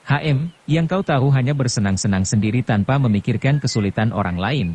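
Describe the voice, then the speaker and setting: A man's voice: medium pitch, lively intonation, a little fast, darkish tone, husky. A man voicing an old woman farmer who nags and scolds her husband in an audiobook. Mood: grumbling. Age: older. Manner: nagging, flares into angry cursing. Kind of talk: audiobook narration.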